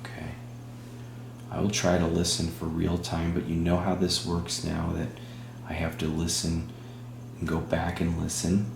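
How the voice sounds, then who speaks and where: A man hosting a spirit box session, speaking in halting short phrases and putting questions to a spirit. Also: deep voice, monotone, vocal fry. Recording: roomy echo with humming background noise.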